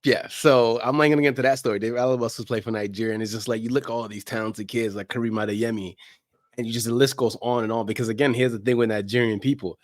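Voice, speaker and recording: In clean studio sound with no room noise, a man who makes a soccer podcast chats rapid-fire as an interview guest, keeping a steady tone at medium pitch. His casual, animated talk is emphatic and slangy, with phrases repeated to press his points.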